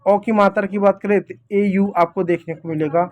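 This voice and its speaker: A man's voice: high voice, fairly even intonation, moderate pace, muffled recording. A man teaching a simple lesson in a casual classroom manner, explaining step by step and checking in with "thik hai" often.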